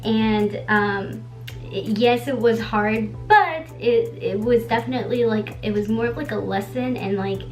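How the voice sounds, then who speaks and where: A young woman in her twenties, a native Spanish speaker, chats casually at home while doing her makeup, with faint music in the background. Her voice is a little high and a little slow, and she rambles with plenty of "like" and the odd swear word, as befits a beauty vlogger.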